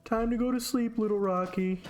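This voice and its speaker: A man voicing a gentle male game character in a babying, sing-song bedtime voice. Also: high-pitched, fairly even intonation, normal speed, faint music behind, voice pushed up, lightly acted. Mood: tender.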